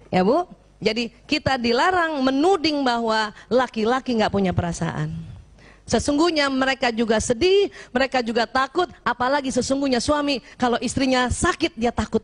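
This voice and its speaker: Woman, high voice, lively talk to a women's audience, animated, keeps checking in with her listeners. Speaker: speaker addressing women.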